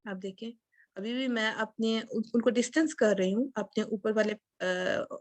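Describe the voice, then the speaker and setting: A woman's voice: on the high side, no echo. A woman teaching a Quran recitation lesson, explaining letter sounds step by step and demonstrating them aloud. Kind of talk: tajweed lesson.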